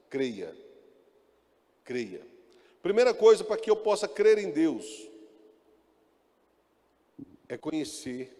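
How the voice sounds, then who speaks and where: A pastor preaching a sermon in church, calling out to the congregation and mixing in joking asides. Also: male voice, on the high side, mellow. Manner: calls out to the congregation, often asking "amen?". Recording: echoey church hall reverb.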